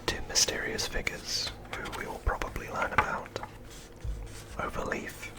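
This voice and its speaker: This is an ASMR host doing off-the-cuff show-and-tell, speaking in a soft, unvoiced whisper full of breath. The pace is slow and the tone hushed.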